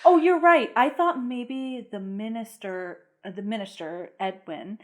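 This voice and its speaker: Animated woman podcast co-host. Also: on the high side, unhurried. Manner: animated retelling of film scenes, acting out lines. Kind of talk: casual chat about a horror film.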